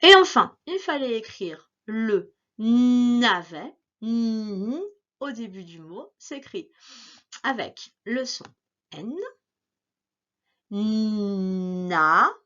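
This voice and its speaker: A woman teacher reads a dictation to young pupils, pronouncing every word slowly and saying it twice. Her fairly high voice rises and falls in a lively singsong way. The recording sounds dull and lo-fi. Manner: slow, carefully articulated, repeating each word.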